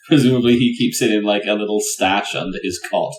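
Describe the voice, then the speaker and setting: A man's voice: on the low side, brisk. A man acting as game master, leading a casual recap of a tabletop session in a dry, mock-exasperated way. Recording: roomy echo, faint noise.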